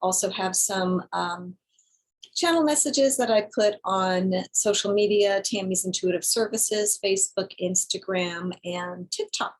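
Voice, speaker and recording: A woman's voice: medium pitch, unhurried. A woman hosting her own channel, chatting upbeat about her services and social media. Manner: chatty, upbeat self-promotion. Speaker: host. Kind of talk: casual channel intro.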